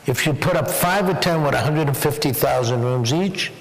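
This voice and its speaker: A man's voice: a little high, moderate pace. A man answering questions as the honored guest at an onstage dinner interview, wry and joking. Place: large banquet hall. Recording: echoey banquet hall.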